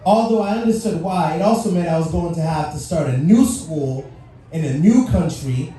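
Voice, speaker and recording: With a warm, fairly high voice and lively intonation, a middle-aged Haitian man whose first language is French speaks at a moderate pace. He's the guest speaker at a civic event, motivating a live crowd with questions and playful asides. A distant mic in a large, echoey hall adds faint noise.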